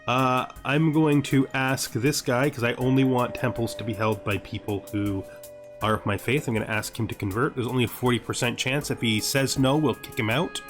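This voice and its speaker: A man hosts a gaming commentary series, thinking aloud as he plays, with scripted narration opening the episode. His voice is medium-pitched and steady, at a normal pace, and music plays in the background.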